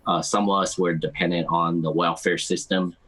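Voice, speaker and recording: Deep-voiced man. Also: level tone, fairly bright tone. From United States, Cambodian American community. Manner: halting, often repeats words as he goes. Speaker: podcast guest. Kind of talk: casual interview chat, mixing Khmer and English.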